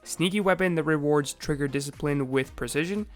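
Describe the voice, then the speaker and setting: A man with a slightly raspy voice, recovering from a sore throat, methodically narrating a scripted video game explainer. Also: a little high, brisk, soft background music.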